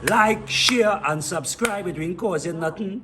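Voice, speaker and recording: A man with a Trinidadian accent hosting a casual on-location vlog outdoors in a village, animated and hyping, talking straight to his viewers. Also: high voice, unhurried, a crowd in the background. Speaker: vlog host. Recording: echoey with loud background noise.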